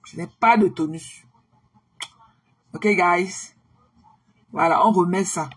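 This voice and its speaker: A woman's voice: fairly low pitch, slow, husky. A tired woman chatting casually to her viewers on a live stream, repeating herself and slipping English phrases into her talk.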